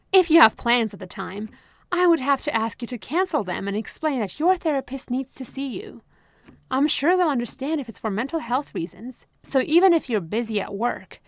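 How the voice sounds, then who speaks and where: Playing a possessive therapist, a voice actress speaks high and honeyed, dominating her patient with calm sweetness. Everything is close-miked and dry, with no room sound at all, much like an intimate ASMR roleplay.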